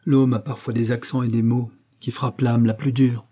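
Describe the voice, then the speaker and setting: Man voicing a composed young marquis, warm and a little husky. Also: medium pitch, little pitch movement, moderate pace, close to an everyday voice. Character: calm, generous young male nobleman.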